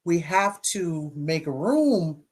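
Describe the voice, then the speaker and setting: Animated man hosting a livestream. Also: fairly high pitch, slow pace. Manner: animated, rambling with restarts. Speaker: livestream host. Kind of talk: casual commentary. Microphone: streaming mic, briefly distorted.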